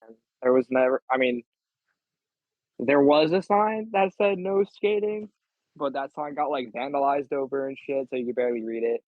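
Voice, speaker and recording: A man's voice: mid-range voice, moderate pace, dry recording. A man co-hosts a casual podcast and tells crude, rambling stories. His voice comes through tinny and dry, like a phone-quality voice chat with no room sound. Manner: crude, profane, rambling storyteller. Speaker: podcast co-host.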